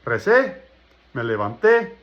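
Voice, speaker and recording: A man's voice: medium pitch, sing-song, slow, a bit bright. A man giving an emotional personal religious testimony, telling his story and acting out the dialogue. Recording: dull lo-fi recording.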